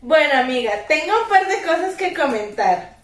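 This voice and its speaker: High-pitched, playful Costa Rican woman. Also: lively intonation, moderate pace. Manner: slangy, playful. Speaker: podcast co-host. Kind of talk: casual chat, gossipy storytelling. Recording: echoey room, distant mic.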